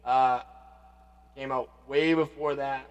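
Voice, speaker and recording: A man hosting a vlog, reminiscing casually and reflectively, often trailing off quietly. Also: mid-range voice, fairly even intonation, unhurried, big-room sound, dull audio. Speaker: vlog host paying tribute to his father. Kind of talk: casual spoken reminiscing between songs.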